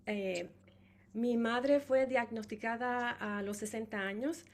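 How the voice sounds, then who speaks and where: A woman's voice: a little high, takes it slowly, background noise. A middle-aged woman from Puerto Rico with a Puerto Rican Spanish accent, giving a personal caregiver testimony with many fillers and restarts. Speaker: family caregiver speaker.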